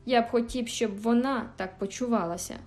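A woman's voice: fairly high pitch, fairly quick, darkish tone, natural voice. A woman voicing a sickly, spoiled teenage boy in an audiobook, whiny, petulant and taunting. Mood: self-pitying. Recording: faint background music.

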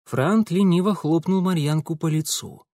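Male audiobook narrator; dramatic, lively delivery, slightly high, dry recording. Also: normal speed, no room sound.

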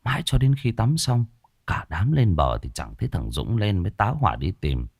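Deep, animated storyteller. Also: male voice, normal speed, breathy edge, dry recording, clean studio sound. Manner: expressive, dramatic storytelling. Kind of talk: scripted horror story narration.

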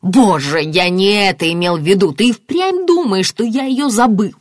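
Woman voicing grieving father, middle-aged, shouting, furious, audiobook, dry close sound. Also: mid-range voice, sing-song, moderate pace, no room sound, pitched above the performer's own voice. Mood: raging. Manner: shouting, raging.

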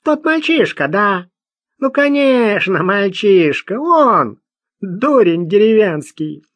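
A man's voice: high voice, big pitch swings, slow, fairly bright tone, no room sound, voice pushed up, heavily acted. A male narrator voicing a crude, jumpy vagrant man with a nasal voice and a strong provincial French accent. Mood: aggressive, defiant.

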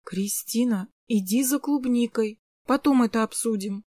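A woman voicing a gentle, teasing young man who is an older brother in an audiobook, speaking softly. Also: on the high side, unhurried, dry recording. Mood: calm. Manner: soft, teasing.

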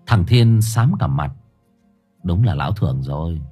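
Expressive husky male narrator for a fantasy audiobook, animated pitch. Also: measured pace, soft background music. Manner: expressive, dramatic. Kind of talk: scripted story narration.

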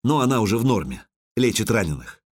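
A man reading an audiobook, voicing a weary, calm male warrior who speaks low, hushed and steady. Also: fast talker. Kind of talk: audiobook character voice.

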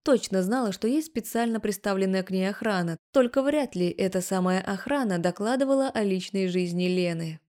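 A woman telling a story in the first person, narrating an audiobook in an even storytelling manner. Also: mid-range voice, brisk, hardly any pauses.

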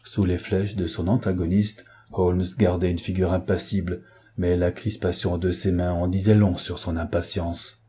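A man narrating an audiobook in an even, unhurried storytelling manner. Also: low voice, breathy edge. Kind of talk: scripted narration.

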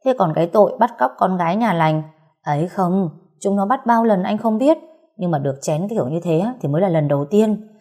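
A woman's voice: fairly low pitch, expressive, a little fast, warm tone. A woman voicing a doting young husband who jokes and boasts to his wife in an audiobook story. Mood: joking. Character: doting joking young husband, tough man.

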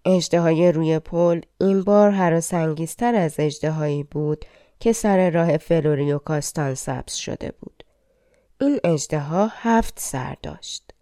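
Fairy tale audiobook narrator, woman, low mellow voice, dry close sound. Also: dry recording. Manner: measured, dramatic storytelling.

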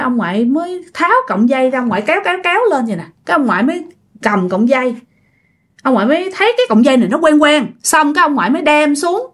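A woman recounting a ghost story in a chatty, casual manner. Her voice is high and very lively, rising and falling freely. She keeps turning to address her listeners directly. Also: slightly rough.

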